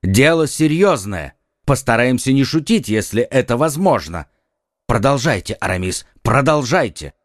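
A man voicing a quick-witted young swordsman in an audiobook, urgent and commanding. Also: medium pitch, sing-song, no echo, studio quality, lightly acted.

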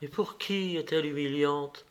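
A man's voice: fairly high pitch, moderate pace, close to an everyday voice. A man reading the part of an anguished, proud woman torn by love, his voice trembling and pleading.

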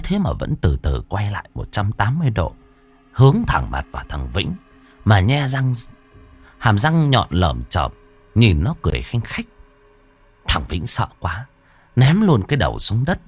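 A man's voice: lowish voice, darkish tone, slightly rough. A man narrating a ghost story with a dramatic, swooping delivery.

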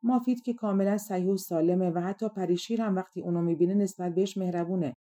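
Storybook frog fairy, kindly and eager, as a woman reader voices it; mellow, lowish voice. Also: fairly even intonation, natural voice. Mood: gentle.

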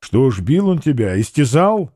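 A man's voice: medium pitch, sing-song, normal speed, dark tone, dry recording, clean studio sound. A man voicing a stern young tsar in an audiobook, speaking in a curt, commanding way.

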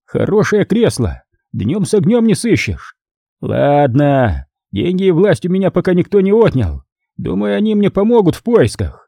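A man's voice: sits high, sing-song, normal speed, vocal fry, mellow, dry recording, studio quality, voice pushed up, heavily acted. A man voicing a ruthless, mocking middle-aged male crime lord in an audiobook, speaking in a sneering, imperious way. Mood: sardonic.

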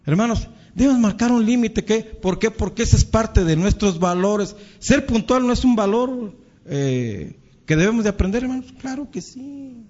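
A man's voice: sits high, expressive, moderate pace, darkish tone, highs cut off. A male pastor with a Mexican Spanish accent preaching to his congregation, calling them brothers and acting out quarrels between spouses. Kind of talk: sermon.

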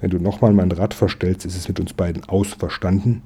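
A man's voice: deep voice, steady tone, brisk, warm tone, husky. A man reading aloud, voicing a cheeky, bossy young girl in a storybook. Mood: sassy. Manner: sassy and bossy.

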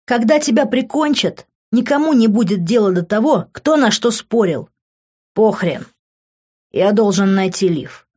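A woman reading the part of a crude, hot-tempered young man who shouts insults at his friend. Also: mid-range voice, lively intonation, measured pace, dull audio, voice pushed up. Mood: mocking. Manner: coarse, yelling insults. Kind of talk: audiobook character reading.

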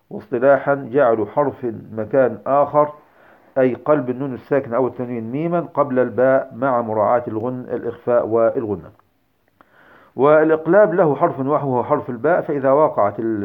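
A man teaching a lesson, explaining step by step with frequent hesitations and slow demonstrations of recitation. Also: mid-range voice. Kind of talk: recorded lecture on Quran recitation rules. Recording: tinny phone-like recording.

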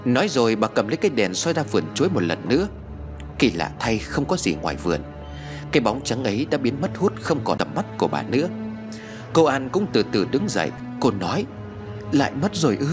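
A man narrating a ghost story in a dramatic, measured manner. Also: medium pitch, sing-song. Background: background music.

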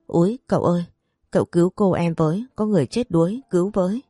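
A woman voicing a frightened, loyal young servant girl who pleads in a high, urgent voice. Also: moderate pace, dark tone, dry recording, clean studio sound, natural voice. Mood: panicked pleading.

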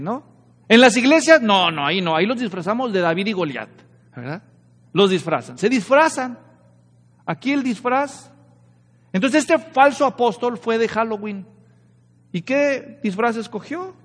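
A male pastor preaching a sermon, lively and full of rhetorical questions to the congregation. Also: high-pitched, big-room sound.

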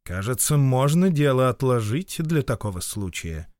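A man's voice: medium pitch, very animated, moderate pace, darkish tone, no room sound, studio quality, lightly acted. A man playing an irritable, domineering official husband who lectures in a peevish, insistent way. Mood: peevish, lecturing.

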